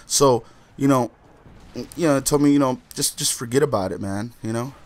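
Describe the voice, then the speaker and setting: A man spinning a mock-serious tale in a loose, rambling way. He leans on "you know" constantly and talks at an ordinary, mid-level pitch. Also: normal speed. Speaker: vlogger. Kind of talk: casual mock-serious storytelling.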